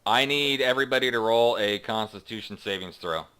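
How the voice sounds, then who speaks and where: A man narrating as game master of a tabletop role-playing game, reading out scenes slowly and dramatically and chatting casually with his players between them. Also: medium pitch, bright, forceful tone, clean tone. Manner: slow dramatic read-aloud narration, then halting casual asides.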